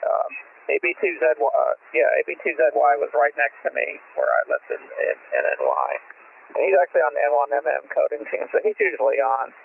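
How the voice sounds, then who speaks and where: A man with a gravelly voice, checking in on a radio net and rambling hesitantly. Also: mid-range voice, huge pitch swings, brisk. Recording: tinny radio transmission with hiss.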